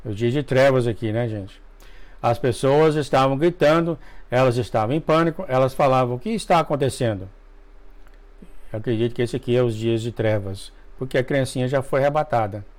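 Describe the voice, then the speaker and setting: A man reading a dream testimony aloud to viewers, emotional, with asides, often coughing and clearing his throat. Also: medium pitch, brisk, a little mellow. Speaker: religious video narrator.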